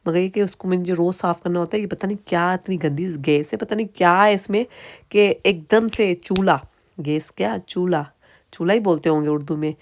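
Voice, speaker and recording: Rambling casually through a home vlog, a woman in her thirties speaks with a Sindhi accent, Sindhi being her native language. Her pitch is fairly low, there's slight background noise, and she keeps restarting and slipping in asides.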